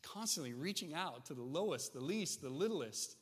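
A pastor preaching a sermon, a man with a slightly high, bright and forceful voice. He talks to the congregation in a conversational, animated way, dropping low and then pushing hard for emphasis. His voice rings out with a long reverb in a large hall. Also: moderate pace, breathy edge. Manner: conversational and animated, swinging between hushed and emphatic.

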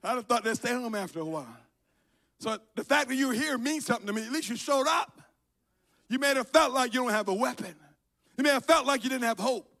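A middle-aged pastor from Liberia preaching a sermon, dropping to quiet storytelling and rising to shouted calls. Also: male voice, very high-pitched, expressive, fast, creaky. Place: church sanctuary.

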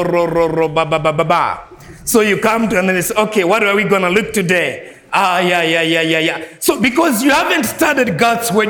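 Recorded in an echoey church, a guest preacher from Malawi speaks with a Malawian accent. His sermon alternates between gentle, low passages and lines raised to a ringing pitch.

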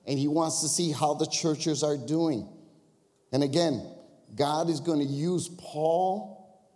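Pastor from the Chicago area, mellow male voice, chatty confessional sermon style, long church-hall reverb. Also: on the high side. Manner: conversational storytelling with confessions and crowd asides. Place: church sanctuary.

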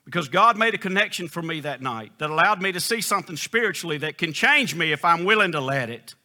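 Bright, lively male preacher. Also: fast. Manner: swings between loud, high, emphatic questions and quiet, low storytelling; reads scripture aloud in King James wording. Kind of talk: sermon.

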